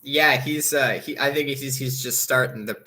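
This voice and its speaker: Bright-voiced man, hesitant sports co-host. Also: medium pitch, moderate pace. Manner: hesitant, repeats words. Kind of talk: casual sports talk.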